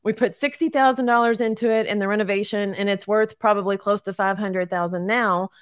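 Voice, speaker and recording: A woman's voice: medium pitch, steady tone, brisk, clean tone, dry recording. A woman guest chatting casually in an interview, down-to-earth and encouraging, laughing often. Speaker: guest, realtor and short-term rental owner.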